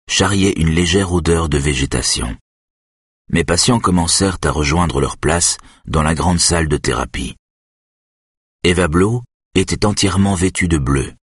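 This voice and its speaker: A man narrating a novel in a measured, subdued way. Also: a bass voice, husky, no room sound, clean studio sound. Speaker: audiobook narrator. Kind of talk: literary narration.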